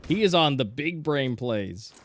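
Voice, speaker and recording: A man's voice: medium pitch, animated, a little slow. A man commentating an esports match live, casual and exclamatory, mixing reactions with conversational analysis. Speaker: esports caster.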